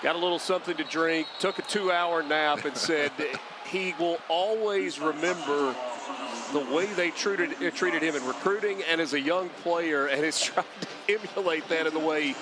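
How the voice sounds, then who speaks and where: A man calling a football game as play-by-play announcer, brisk and rising sharply on big plays. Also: a little high, noisy background. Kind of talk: live sports commentary.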